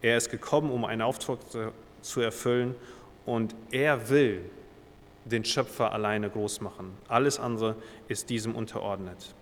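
A man's voice: on the low side, steady tone, normal speed, in a large hall, slight background noise. A man preaching a sermon who reads Bible verses aloud, retells them in casual everyday words, and often corrects himself as he thinks aloud.

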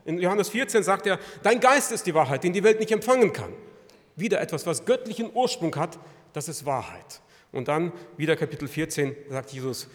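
A man preaching a sermon to his congregation, swinging between loud emphatic peaks and quiet low phrases and repeating lines for emphasis. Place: church hall. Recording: long hall reverb.

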